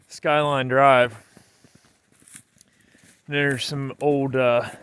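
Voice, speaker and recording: A man vlogging on a snowy mountain trail while hiking, a bit out of breath, talking in an easygoing, rambling way full of fillers. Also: mid-range voice. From Virginia. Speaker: vlogger hiking with his son. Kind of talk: casual hiking vlog narration.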